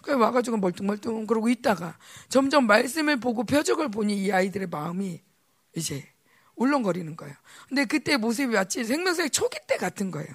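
Woman preacher, higher-pitched and raspy, chatty sermon testimony with voices for the people in her stories. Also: quick pace. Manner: animated storytelling, acts out quoted voices. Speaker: pastor's wife preaching. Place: church service.

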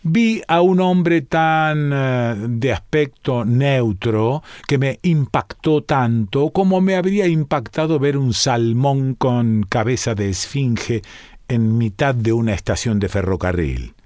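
A man reading a short story aloud in a calm, measured narrating voice. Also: medium pitch, dry recording, studio quality. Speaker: reader.

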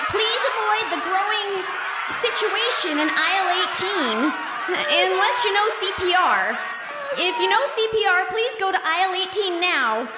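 A woman playing a cheery, increasingly frazzled supermarket announcer speaking over a store PA system, with chirpy announcer patter and deadpan asides. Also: very high voice, noisy background, full character voice. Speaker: sketch performer. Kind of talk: live radio sketch comedy. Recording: echoey hall with music behind.

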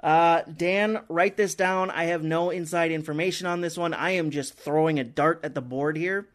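A man's voice: fairly high pitch, fairly even intonation, normal speed. A man hosting a soccer talk show on sports radio, in a conversational broadcast style.

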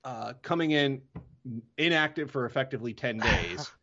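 A man's voice: medium pitch, normal speed, bright, forceful tone, highs cut off. A man hosting a hockey podcast in casual chat, often correcting himself mid-sentence. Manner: rambling, self-correcting.

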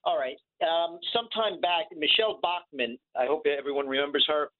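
A man calling in to a radio talk show, heard over the phone, speaking earnestly in halting phrases with fillers. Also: a little high. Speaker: caller. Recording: tinny phone line.

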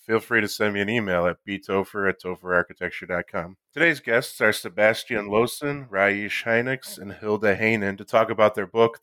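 A deep-voiced, crisp male podcast host. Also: pushed and bright, no room sound. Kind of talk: scripted podcast introduction and interviewing.

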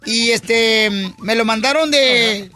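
A man with a very high, bright voice hosts a radio comedy segment and tells jokes in a lively, rapid way, tossing in fillers and sudden shouts. Faint music plays under him in the studio. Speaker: radio show host. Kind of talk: comedy radio joke telling.

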